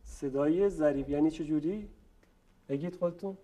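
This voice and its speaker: A man teaching a class how to pronounce Arabic letters, politely asking students questions and stretching out example words slowly. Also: a little high, mellow. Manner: slow, drawn-out model pronunciations. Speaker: Quran recitation teacher. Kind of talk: classroom lesson on letter pronunciation.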